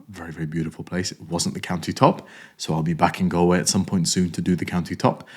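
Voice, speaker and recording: A man's voice: low voice, a little mellow. An English man hosting a podcast, chatting casually and joking at his own expense outdoors on a hilltop. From England. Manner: jokey, self-mocking. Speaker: podcast host. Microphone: phone.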